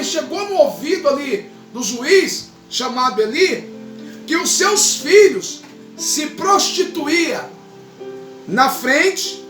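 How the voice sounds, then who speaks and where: A woman preaching a fervent sermon, often raising her voice to a shout for emphasis. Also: sits high. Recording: echoey, far from the mic, faint guitar behind.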